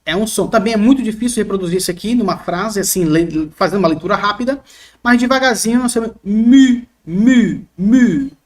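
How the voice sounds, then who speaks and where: Patient teacher drilling sounds. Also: medium pitch. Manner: patient, repeats each sound slowly, checks with "tá?". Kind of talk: explaining the Greek alphabet.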